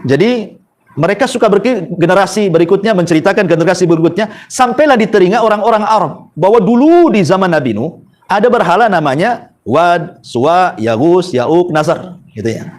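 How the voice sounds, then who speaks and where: A man preaching in an Indonesian Quran study lecture. He tells the story in a lively way, filling pauses with "eh" and correcting himself as he goes. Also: sits high. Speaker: Islamic preacher. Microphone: microphone with audio trouble.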